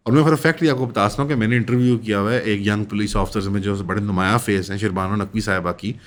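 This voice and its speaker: A man's voice: fairly low pitch, fairly even intonation, fast talker, slight background noise. A man from Pakistan hosting a commentary channel, delivering an opinionated, critical monologue and mixing English phrases into his speech.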